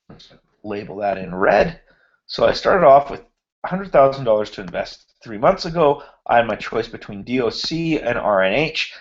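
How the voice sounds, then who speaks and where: Over a video hangout, a male finance teacher screen-shares a spreadsheet example, speaking slowly and musing aloud as he formats cells. His mid-range voice is fading, so he clears his throat now and then. The sound, picked up by his computer mic, is lo-fi.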